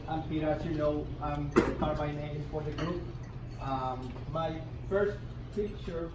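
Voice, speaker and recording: A man from El Salvador tells an animated story to a meeting group, laughing and stumbling over restarts as he goes. He sounds far from the microphone in a roomy, echoing space. Steady background noise runs beneath his voice. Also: fairly high pitch, measured pace. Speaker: presenter at a business networking meeting. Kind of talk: storytelling presentation. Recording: echoey room, mic from far off, noisy.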